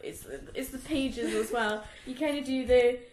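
A high-pitched woman talks unhurriedly in an echoey room. She hosts a casual book chat, laughing often and slipping into acted-out quotes. The room gives her voice a roomy echo. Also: unhurried, a little hiss or hum. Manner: animated, laughs often, acts out quoted lines. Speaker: podcast host.

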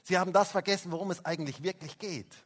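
Male pastor, Christmas sermon, a bit high-pitched, folksy, throws questions at the kids. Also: fast talker. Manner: chatty, asks the children questions, tag "hä?". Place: church service, also livestreamed.

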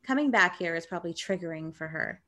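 A woman's voice: fairly low pitch, animated, quick pace, pushed and bright, pitched below the performer's own voice. A woman reading the part of a sweet, anxious young superhero in a script table read. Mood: chatty.

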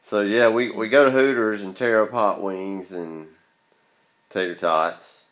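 A man's voice: fairly low pitch, fairly even intonation, measured pace, a bit bright. A man with a Southern Georgia accent and a folksy country drawl, chatting casually as a podcast host. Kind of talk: casual chat.

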